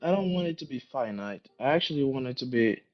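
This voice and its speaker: A man's voice: medium pitch, lively intonation, quick pace. A man with a thick foreign accent in casual discussion, thinking aloud hesitantly and repeating his phrases. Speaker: guest answering questions. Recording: dull lo-fi audio, music behind.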